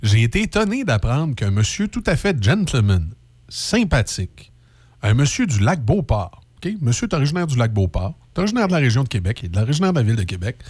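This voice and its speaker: Middle-aged male radio host, Québécois accent, joking and opinionated, very expressive pitch, dry studio sound. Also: fast talker, slightly rough, no room sound. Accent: Québécois French. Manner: animated, joking, slips into mock English voices.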